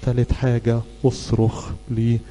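A middle-aged man with an Egyptian Arabic accent delivers a sermon in a very dark, mellow voice. He keeps tossing questions to his congregation and waits for them to finish his lines. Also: mid-range voice, monotone, normal speed, a little hiss or hum, rough recording. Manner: call-and-response questioning, asking "what?" for the congregation to finish. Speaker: preacher.

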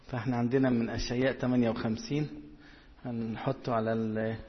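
Egyptian preacher in a reverberant hall. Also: male voice, mid-range voice, little pitch movement, muffled recording, noisy background. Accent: Egyptian Arabic. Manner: coaxing, asks the audience questions, reads verses slowly. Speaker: church preacher. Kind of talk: sermon with scripture reading. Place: church hall.

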